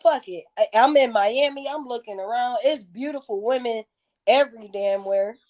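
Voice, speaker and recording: A woman's voice: a little high, normal speed, a little mellow, lo-fi sound. A woman in her thirties, a guest in a casual interview, telling stories bluntly with plenty of profanity. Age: 30s.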